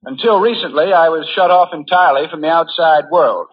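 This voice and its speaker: A muffled, lo-fi 1940s radio recording carries a slightly high, brisk, husky male voice. The speaker is an American war correspondent giving an earnest, formal prepared speech in a radio address.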